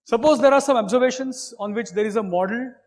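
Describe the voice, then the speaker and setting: A man with an Indian English accent giving an academic lecture as a professor, measured and repetitive, with many fillers and frequent "okay". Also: extremely high pitch, long reverb tail.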